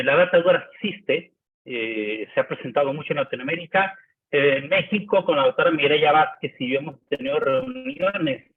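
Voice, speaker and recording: A man's voice: on the high side, breathy edge. A man with a Mexican accent, a physician speaking emphatically on a panel and repeating his points. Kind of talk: panel discussion. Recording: tinny phone-like line.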